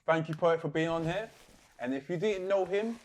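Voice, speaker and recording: A man's voice: on the high side, moderate pace. A man hosting a casual interview, easygoing and eager to join in the chat. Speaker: host.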